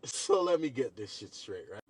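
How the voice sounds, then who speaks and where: A man giving crude, sarcastic commentary that builds into loud outrage. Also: medium pitch, sing-song, normal speed, slightly rough, soft background music. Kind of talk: ranting commentary.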